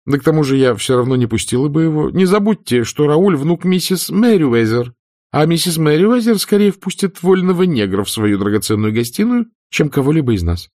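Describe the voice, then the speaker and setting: A man voicing a sharp-tongued, impatient young Southern lady in an audiobook, exasperated and scolding. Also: a little high, very animated, a little fast, no room sound, clean studio sound, voice pushed up. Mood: dismissive. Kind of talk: audiobook character voice.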